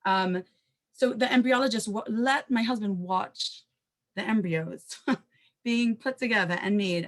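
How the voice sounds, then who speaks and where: A woman on a panel telling a personal story, talking quickly and conversationally, with asides and self-corrections and Hebrew terms mixed in. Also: mid-range voice.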